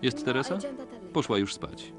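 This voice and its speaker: A man reading a voice-over for all the roles of a drama in an even, unacted way. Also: medium pitch, moderate pace. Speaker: voice-over reader. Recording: voice-over over loud soundtrack music.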